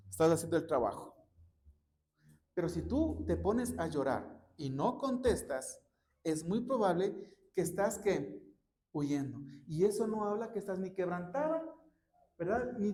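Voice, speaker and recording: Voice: medium pitch, a little mellow. A preacher giving a conversational sermon in a church, teaching with many rhetorical check-in questions and personal anecdotes. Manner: recounts personal workshop anecdotes.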